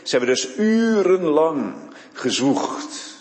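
Man preaching, kinda high voice, dramatic storyteller, repeats himself, big hall echo. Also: sing-song, slow pace, darkish tone. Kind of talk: sermon retelling a Bible story.

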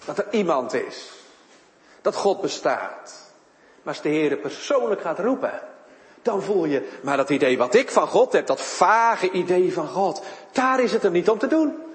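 Lively preaching man in an echoey church. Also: high-pitched, a little slow. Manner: lively preaching, voice rising and dropping for emphasis. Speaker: pastor. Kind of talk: sermon.

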